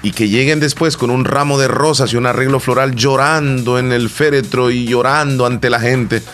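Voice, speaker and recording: A man's voice: mid-range voice, fairly even intonation, moderate pace, a bit bright, faint music behind. Salvadoran man telling a story. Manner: storytelling, emphatic repetitions. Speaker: podcast co-host. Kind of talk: casual chat.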